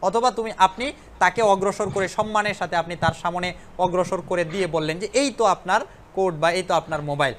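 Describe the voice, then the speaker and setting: A man teaching an Arabic lesson online, who reads dialogue lines slowly, then translates and explains them and checks with his students. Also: sits high, slight background noise. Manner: addresses students directly and checks understanding.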